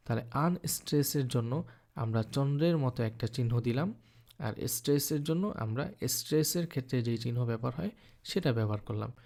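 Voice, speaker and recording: A man teaching an online lesson on poetry, patient and step by step, asking questions and answering them himself, and slowing down to sound out words syllable by syllable. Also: medium pitch, darkish tone. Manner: patient, explains step by step, often asks then answers his own questions. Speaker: English teacher. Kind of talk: online lecture explaining poetry scansion. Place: recording for an online course.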